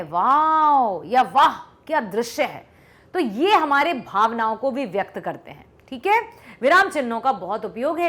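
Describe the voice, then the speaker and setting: A woman with a high voice gives an online lesson. She explains patiently, step by step, and keeps stopping to ask the students whether it is clear. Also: fairly bright tone. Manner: explanatory, asks checking questions. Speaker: teacher. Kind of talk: classroom-style online lesson.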